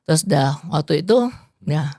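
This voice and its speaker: A woman pastor in her fifties gives an earnest, devout testimony. Her voice sits a little low, and the recording is close and dry. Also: lively intonation, a little slow, warm tone, dry recording. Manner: earnest, devout, full of "praise the Lord". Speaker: pastor and guest. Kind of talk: personal testimony in an interview.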